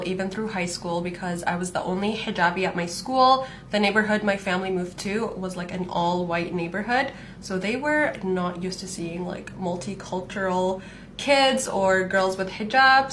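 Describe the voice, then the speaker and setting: A woman's voice: mid-range voice, a bit bright, a little hiss or hum. A woman of twenty-five, from Canada by way of Palestinian roots, chatting casually about her life while doing her makeup, with lots of "like" fillers. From Palestinian, born in Saudi Arabia, raised in Canada. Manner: chatty, frequent "like" fillers, light laughs. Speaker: fashion content creator. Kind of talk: casual get-ready-with-me storytelling.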